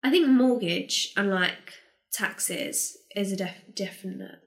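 A woman's voice: medium pitch, slow, creaky. A young British woman co-hosting a podcast in casual chat, with a blunt, opinionated way of talking. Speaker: podcast co-host. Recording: roomy, echoing sound.

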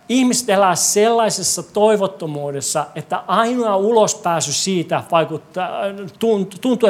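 Speaking at a medium pitch, a preacher addresses his congregation in a church hall. He peppers the sermon with lively rhetorical questions and drops in wry jokes along the way.

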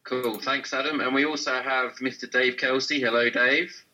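Man, podcast host, bright voice, casual, chatty. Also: medium pitch, normal speed, lo-fi sound. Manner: relaxed, chatty, many ums.

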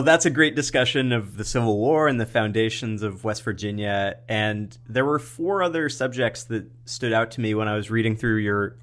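A man's voice: medium pitch, a bit bright. Brief: male interview host, friendly and curious in his questions. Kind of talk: podcast interview.

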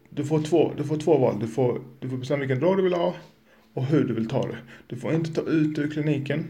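A man's voice: mid-range voice, a little mellow. A man hosting a podcast, ranting angrily and swearing emphatically. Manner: angry, profane, emphatic. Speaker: podcast host. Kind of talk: heated podcast rant.

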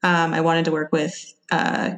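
A woman's voice: low voice, completely flat delivery, normal speed, fairly bright tone. A woman speaking as a guest in a casual podcast conversation, informal and a little tentative as she thinks aloud. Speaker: podcast guest, freelance video editor.

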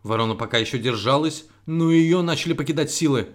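A man reading a funny children's fairy tale aloud in an expressive storyteller manner. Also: a little high, fairly quick. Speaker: storyteller dad.

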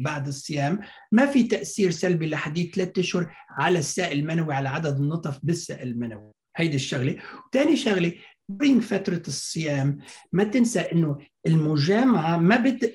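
A man speaks with a Lebanese accent as an expert guest in an interview. He explains things in informal, conversational language. His delivery is halting, with words repeated and sentences restarted. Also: a little high, darkish tone. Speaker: fertility doctor, interview guest.

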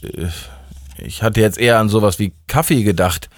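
A man's voice: lowish voice, normal speed, dry recording, clean studio sound, close to an everyday voice. A man voicing a laid-back, slangy male God who is sloppy and careless, talking casually and getting flustered.

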